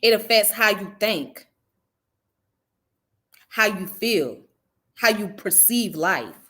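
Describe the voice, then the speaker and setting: A woman's voice: medium pitch, animated, takes it slowly, a bit bright. A woman who grew up in the American South, giving blunt, profane, conversational commentary on her own channel. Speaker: channel host. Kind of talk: casual commentary vlog.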